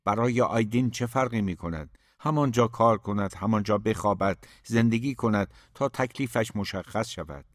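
A man reading an audiobook, voicing a calm, fatherly older uncle who teases gently. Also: on the low side, no echo, studio quality, lightly acted.

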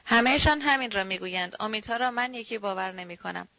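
A woman reads out a frightened, paranoid man who insists he knows better, his voice gravelly and sly. The recording is dull and lo-fi with a dry, close sound. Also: mid-range voice, dry recording, natural voice. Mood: knowing. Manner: pleading, then knowing and suspicious. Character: frightened paranoid male camp survivor.

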